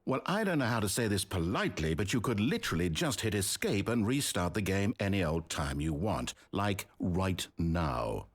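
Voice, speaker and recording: A British man voicing a wry, teasing narrator in a video game, speaking directly to the player in a deep, sultry, mocking tone. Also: big pitch swings, moderate pace, hardly any pauses, breathy edge, exaggerated voice.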